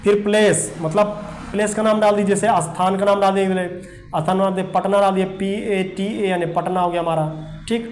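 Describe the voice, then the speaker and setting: A male teacher with a rather high voice works through a grammar lesson at a whiteboard. He spells each word slowly letter by letter and keeps checking in with the students. The room is echoey, with a faint hiss underneath. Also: little pitch movement, a little mellow. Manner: spells words letter by letter, repeats "देखिए" and "ठीक ना".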